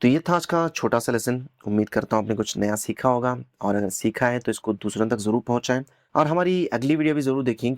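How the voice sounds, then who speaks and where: A man's voice: mid-range voice, no echo, clean studio sound. Man teaching, patient drilling of words. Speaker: Arabic teacher. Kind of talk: explaining an Arabic lesson.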